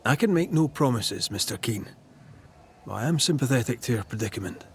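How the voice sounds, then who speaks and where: A man acting a calm, businesslike ghost hunter in a video game, dry and formal, with a husky voice. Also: medium pitch, fairly quick, a little hiss or hum, close to an everyday voice. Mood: calm, polite.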